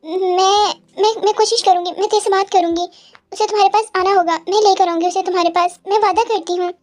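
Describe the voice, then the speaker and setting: A woman's voice: extremely high pitch, steady tone, fairly quick, darkish tone. A woman voicing a caring young woman who reassures and playfully teases her friends in an audio story. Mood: reassuring. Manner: reassuring, promising tone.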